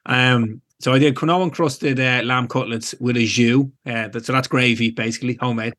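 A man's voice: medium pitch, steady tone, fairly quick, a bit bright. A man in his forties with an Irish accent, a guest chatting casually in a rambling way, full of fillers. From Ireland. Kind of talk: casual chat.

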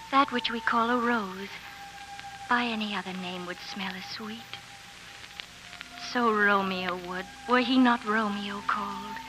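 A woman's voice: a little high, poor audio. An actress playing an eager young woman who dreams of stardom, breathless, earnest and dramatic, in a 1940s radio play. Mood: theatrical recital. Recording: old radio broadcast with music.

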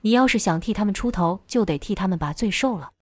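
A woman's voice: medium pitch, animated, fast talker, darkish tone, no room sound, studio quality, natural voice. A woman voicing a sneering, resentful young lightning wielder. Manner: sneering, defensive.

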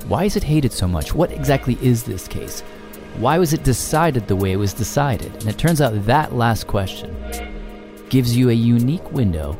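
An American man hosting a documentary podcast, narrating in a conversational, informal storytelling way. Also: medium pitch.

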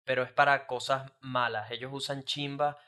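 A man's voice: medium pitch, moderate pace, clear, resonant tone. A man with a Venezuelan accent hosting a casual podcast interview, chatting loosely and full of slang fillers. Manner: relaxed slangy banter, frequent filler "marico". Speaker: podcast host.

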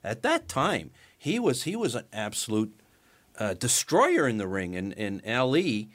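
Animated male sports radio host. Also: mid-range voice, unhurried. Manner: animated, restarts often.

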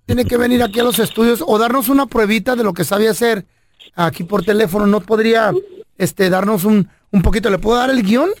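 A man hosting a radio comedy show, making a prank phone call in a deadpan, mock-businesslike manner. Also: high voice, brisk. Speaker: radio prank caller and host.

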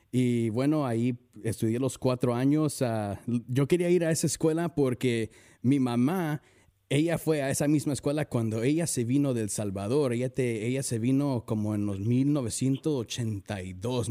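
A young man from the San Francisco Bay Area, a guest chatting casually from home, relaxed and full of fillers and restarts. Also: mid-range voice. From San Francisco Bay Area, USA. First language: Spanish. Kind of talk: casual interview chat.

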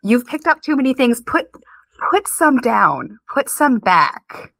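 A woman co-hosting a podcast in casual chat, bubbly and quick to laugh. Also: on the high side, big pitch swings, gravelly, a bit bright, dry recording. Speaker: podcast co-host. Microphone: remote call.

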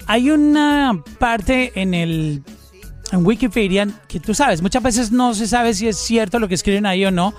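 A man's voice: high voice, lively intonation, a little slow, soft background music. A man hosting a podcast, chatting and asking his guest long, leading questions. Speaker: podcast host. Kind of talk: interview.

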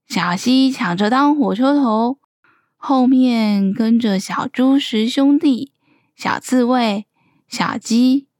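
A woman tells a children's story in an unhurried, gentle, expressive manner. Her voice sits a little high, and the delivery is very slow. The recording is close and dry. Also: no echo.

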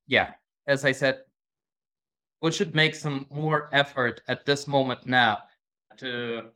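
Man, guest, interview, bright tense voice, hesitant, searching for words. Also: medium pitch, level tone, slow pace. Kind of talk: interview conversation.

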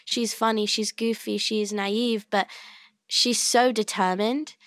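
A woman's voice: medium pitch, steady tone, slow, a bit bright, no echo, clean studio sound. A young woman from England with a British accent, chatting upbeat as a guest actor in an interview. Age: young adult. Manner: chatty and upbeat, with frequent likes and little laughs. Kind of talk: casual interview chat.

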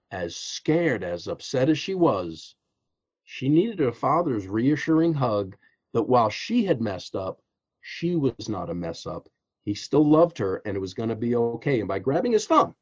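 Animated storytelling man, husky voice. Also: on the low side, muffled recording. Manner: animated storyteller, acts out quotes, frequent laughs. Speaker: guest coach. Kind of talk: storytelling in a podcast interview.

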